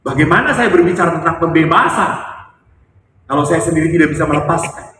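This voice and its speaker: Male priest, higher voice, humorous homily storyteller, distant mic in a reverberant hall with faint background noise. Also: quick pace. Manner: joking with the congregation, then soft and heartfelt. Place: church or hall before a congregation. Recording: echoey hall, speaker far from mic.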